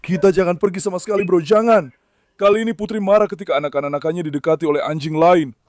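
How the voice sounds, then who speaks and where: A man's voice: sits high, fast, darkish tone. A man hosting a farm vlog, speaking affectionately to his dogs and calling out repeated commands to them. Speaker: dog breeder and farm owner. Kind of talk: casual vlog narration.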